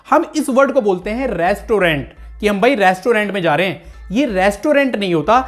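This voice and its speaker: A man teaching English pronunciation in a casual lesson, repeating each word slowly to contrast wrong and right. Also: high voice. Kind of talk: Hindi-language pronunciation lesson.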